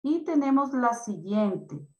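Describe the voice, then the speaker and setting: A woman teaching young children in an online class, explaining slowly and patiently. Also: a little high, big pitch swings, echoey room, highs cut off. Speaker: primary school teacher.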